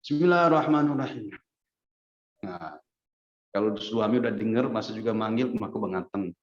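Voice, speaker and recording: Man preacher at a mosque lesson, chatty and lively, roomy echo, kinda muffled sound. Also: lowish voice, brisk. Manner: lively, addresses listeners as Pak, acts out quotes. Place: mosque hall. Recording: echoey dull mosque recording.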